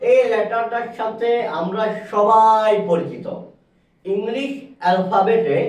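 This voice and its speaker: A man with a high voice teaches a pronunciation lesson in a classroom, taking his time and repeating each key word several times. He sounds far from the mic, and the room rings with heavy echo. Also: darkish tone. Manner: slow, deliberate, repeating key words. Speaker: English teacher. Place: classroom with a board. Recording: echoey room, distant mic.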